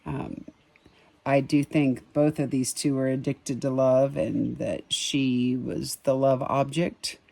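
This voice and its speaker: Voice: mid-range voice, level tone, slow pace, gravelly, mellow. Vlogger musing over a drawing outdoors in the evening, unscripted, rambling with frequent ums and small chuckles. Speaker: sketch artist and empathic reader. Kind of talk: casual commentary on a drawing.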